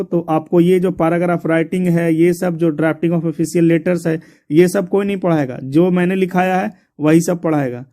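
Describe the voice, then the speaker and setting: A man's voice: high-pitched, mellow. A man teaching an exam syllabus, repeating points and spelling words out letter by letter. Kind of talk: explaining a syllabus to students.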